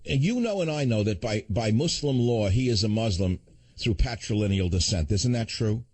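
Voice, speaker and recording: A man's voice: on the low side, expressive, normal speed, a little mellow, no room sound. A man hosting a talk radio show, emphatic, blunt and theatrical as he questions a guest.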